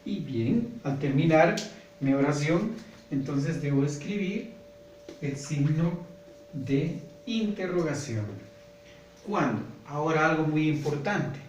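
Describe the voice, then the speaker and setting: A man with a Guatemalan Spanish accent teaching a grammar lesson slowly and patiently, often checking in with "¿verdad?". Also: on the high side, animated, darkish tone, lo-fi sound. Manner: patient, repeats points, often asks "¿verdad?". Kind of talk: slow classroom grammar lesson. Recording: echoey room, voice from far off, faint noise.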